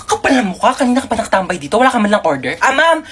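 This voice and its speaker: A woman performing POV comedy skits, talking in a sassy, rapid, complaining way. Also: a little high, sing-song, fairly bright tone, slight background noise.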